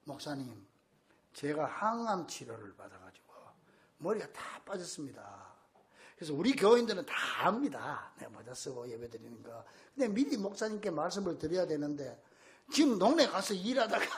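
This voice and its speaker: A man voicing a humble, apologetic middle-aged man who speaks low and quietly.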